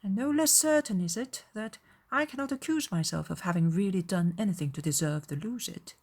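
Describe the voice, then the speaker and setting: In a dramatized audiobook, a woman plays a young gentleman with a grievance, confiding in the listener and justifying himself. Her delivery is measured, earnest and formal, in a mid-range voice with lively intonation.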